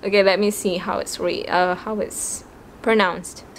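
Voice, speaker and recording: A woman's voice: medium pitch, fairly even intonation, measured pace, a little hiss or hum. A young woman with a Malaysian English accent, chatting casually about books and slipping Malay words into her English. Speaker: book vlogger. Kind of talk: casual chat.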